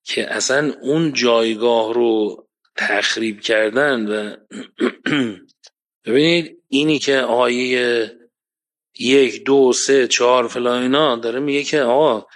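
A man gives a religious lecture in a voice of middle pitch. He keeps it lively, pushing up to emphatic points and then falling quiet, and he quotes Arabic verses along the way. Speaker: preacher.

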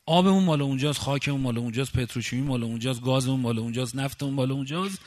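A man's voice: mid-range voice, a little mellow. A man from Khuzestan in Iran preaching a fiery, indignant sermon full of rhetorical questions. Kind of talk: impassioned sermon.

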